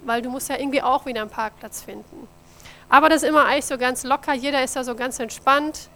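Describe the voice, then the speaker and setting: A woman's voice: high-pitched, fairly bright tone. A woman from Germany, a mission office coordinator, giving a friendly church presentation about her work and talking directly to the audience. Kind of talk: church mission report with slides.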